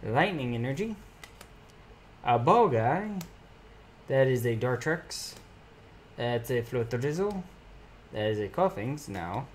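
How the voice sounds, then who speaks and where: A man's voice: mid-range voice, big pitch swings, slow pace, pauses often, a little hiss or hum. A young man streaming live, reading card names aloud as he opens packs and chatting casually with his viewers.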